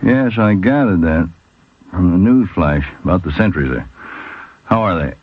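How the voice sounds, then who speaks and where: Commanding male agency chief, terse, lively intonation, 1940s radio drama, muffled old broadcast. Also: sits low, normal speed, husky. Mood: relaxed, attentive. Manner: terse, authoritative.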